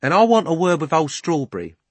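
A man doing a gruff cabby. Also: a little high, big pitch swings, brisk, no room sound, pitched above the performer's own voice. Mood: indignant. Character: male cockney cabby, blunt and loyal.

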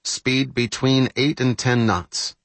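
An earnest young naval ensign reports figures precisely and briskly, a bit higher than a plain reading voice, as a male narrator voices him. The audiobook recording is dry. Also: steady tone, fairly bright tone, dry recording. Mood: focused.

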